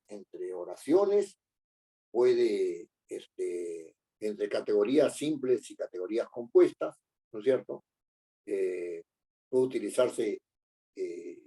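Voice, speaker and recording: Guy teaching a class, lots of "eh" and "no?", dark kinda husky voice. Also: lowish voice. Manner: hesitant, many fillers and tag questions. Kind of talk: lecture.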